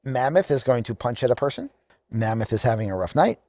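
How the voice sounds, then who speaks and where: A man acting as game master, calmly narrating a tabletop game and patiently explaining rules. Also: medium pitch, brisk, no echo. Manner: relaxed, explains rulings patiently.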